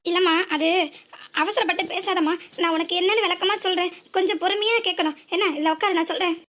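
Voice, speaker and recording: Cartoon husband, voiced by a woman: pleading and devoted, southern Tamil accent, very high and rapid. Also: fairly even intonation, a bit bright. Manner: pleading, soothing. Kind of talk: cartoon voice acting.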